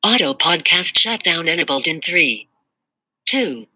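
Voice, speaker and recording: A performer voicing a malfunctioning robot AI podcast producer in a glitching robot manner, reading out system status alerts and error warnings in a flat synthetic delivery. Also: mid-range voice, a little slow, noisy background. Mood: alarmed, mechanical. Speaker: stand-in podcast host. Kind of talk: comedic scripted monologue.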